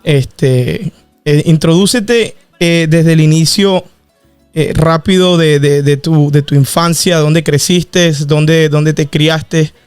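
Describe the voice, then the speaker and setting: A man's voice: a little high, takes it slowly, darkish tone, clean tone, no room sound, faint music behind. A man hosting a podcast, questioning his father in a friendly, prodding way with many fillers. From Venezuela. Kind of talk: casual podcast interview.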